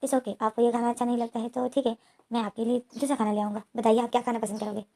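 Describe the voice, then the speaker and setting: A devoted male assistant, played by a woman narrator coaxes in polite, soothing phrases and holds firm. The voice is fairly high and mellow. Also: little pitch movement, quick pace, lightly acted. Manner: coaxing, polite, turning insistent.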